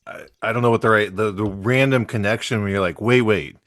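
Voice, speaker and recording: A man co-hosting a podcast reflects in casual chat, in quick rambling bursts. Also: on the low side, steady tone, a bit bright, no echo, clean studio sound. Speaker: podcast co-host.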